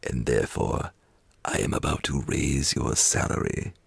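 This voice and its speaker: Man acting gruff old gentleman, bedtime story, slow formal delivery, extremely creaky growl. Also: very deep voice, dry recording, pitched below the performer's own voice, exaggerated voice. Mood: mock stern. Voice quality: growling, gravelly. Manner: stern, deliberate, formally polite. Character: old gentleman boss, gruffly feigning anger, secretly merry.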